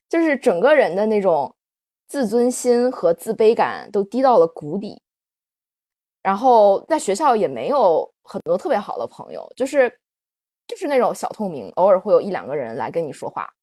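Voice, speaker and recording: A woman's voice: medium pitch, a little fast, no echo, studio quality. A woman podcast host sharing a personal story on a livestream, candid and full of fillers. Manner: animated, confessional, many fillers.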